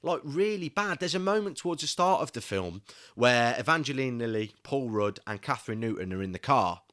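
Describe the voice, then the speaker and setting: A man's voice: mid-range voice, animated, moderate pace, a bit bright. A young man giving a casual solo film review, ranting with passionate frustration. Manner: passionate, increasingly irate ranting.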